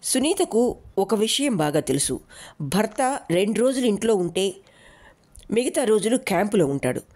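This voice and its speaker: A woman storyteller reading a novel aloud with steady, expressive narration. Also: medium pitch, moderate pace.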